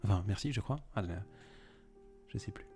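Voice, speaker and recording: A man's voice: on the low side, expressive, a little fast, a little mellow, faint music behind. A young man hosting a live stream, chatting casually and rambling as he answers viewers by name. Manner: rambling, improvised, talks straight to viewers by name. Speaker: poet and live-stream host.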